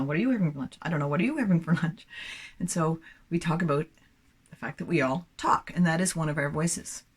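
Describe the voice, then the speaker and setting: A middle-aged woman teaching an elementary music lesson, speaking clearly and in a friendly way. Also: sits low. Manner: clear, friendly classroom delivery. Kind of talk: teaching demonstration.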